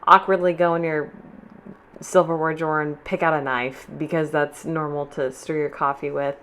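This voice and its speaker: A woman's voice: low-pitched, flat delivery, moderate pace, a bit bright. A young woman chatting playfully and rambling through a coffee tutorial, joking about herself as she goes. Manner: playful, rambling and self-deprecating. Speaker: vlogger. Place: bedroom at a desk.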